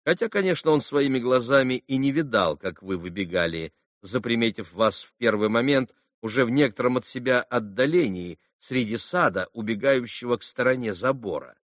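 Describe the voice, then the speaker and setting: A man voicing a calm, insistent male prosecutor who questions the accused deliberately in an audiobook. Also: mid-range voice, no echo, studio quality, lightly acted.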